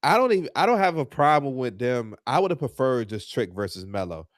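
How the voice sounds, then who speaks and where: A man's voice: mid-range voice, sing-song, brisk, dry recording, clean studio sound. A man co-hosting a wrestling podcast, talking casually and animatedly, full of slang and fillers, getting heated as he rants. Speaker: podcast co-host.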